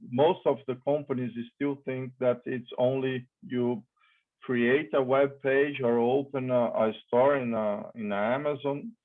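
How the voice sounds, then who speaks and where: Slow, halting man on a call. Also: medium pitch. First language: Portuguese. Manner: halting, many fillers and restarts. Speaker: business founder presenting his company. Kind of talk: online panel talk. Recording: phone-like video call audio.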